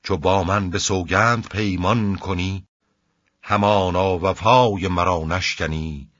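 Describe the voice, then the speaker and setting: A captive young hero, earnest and hopeful, speaking in an epic poem, recited by a man in his own deep, husky voice. The verse is chanted in a steady, rhythmic cadence. The recording is dry and lo-fi. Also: no echo.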